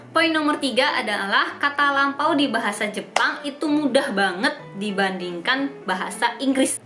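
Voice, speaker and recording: A young woman whose first language is Indonesian hosts a casual language tutorial vlog, upbeat and chatty, spelling words out letter by letter. Her voice is a little high with a sharp tone. The room is echoey, with music playing behind her.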